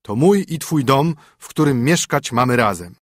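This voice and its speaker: A stern minstrel husband who is really a king in disguise, as a male narrator puts him on. He orders and scolds in a raised, louder voice with a husky grain. The sound is close and dry. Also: medium pitch, expressive, moderate pace, no echo, close to an everyday voice. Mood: scolding. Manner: scolding, commanding.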